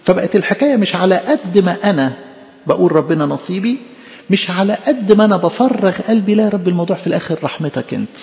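A man's voice: high voice, lively intonation, fast talker, vocal fry, darkish tone. A man preaching a sermon in an Egyptian Arabic accent, impassioned and pleading, repeating phrases for emphasis. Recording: echoey hall, dull lo-fi sound.

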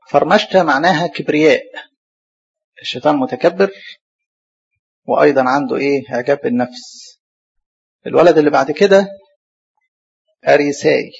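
A man preaches a sermon in Egyptian Arabic, his voice husky and slightly high, asking himself rhetorical questions and swiftly answering them. He spells out tricky names slowly and repeats them while teaching the Bible, heard through a dull lo-fi recording.

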